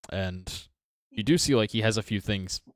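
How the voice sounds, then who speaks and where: Low-voiced man running a tabletop game. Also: normal speed, no room sound, clean studio sound. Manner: loose, filler-heavy description. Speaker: dungeon master.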